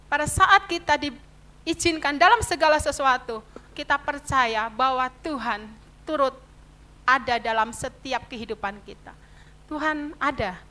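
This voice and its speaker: A middle-aged woman from Indonesia preaching a sermon in a church, earnest and animated, weaving in personal stories. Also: high voice, normal speed. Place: church sanctuary.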